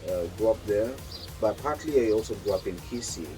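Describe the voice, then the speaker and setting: A Kenyan man in his thirties, a guest telling his story in a casual interview, pausing often with filler sounds. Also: lowish voice, expressive, music in the background, low-quality recording. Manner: hesitant, full of pauses and filler sounds.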